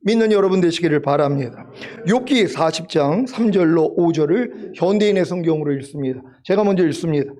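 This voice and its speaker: A man with a notably high voice delivers a sermon. He drives his points home with repeated rhetorical questions and leads the congregation through responsive scripture reading. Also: lively intonation, brisk, warm tone. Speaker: pastor.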